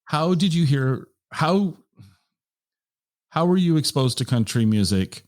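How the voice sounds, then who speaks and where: A man hosting an interview, asking questions in a halting way with restarts. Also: fairly high pitch, animated, darkish tone. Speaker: interviewer, host.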